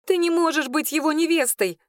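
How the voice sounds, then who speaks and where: A woman voicing a shrill, jealous young woman. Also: fairly quick, dry recording, clean studio sound, natural voice. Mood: angry. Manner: accusing, shrill and tearful. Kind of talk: audiobook character voice.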